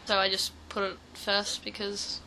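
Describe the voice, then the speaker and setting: Bright young woman student. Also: mid-range voice, completely flat delivery, a little slow, a little hiss or hum, low-quality recording. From Australia. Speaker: international student. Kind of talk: casual interview answers.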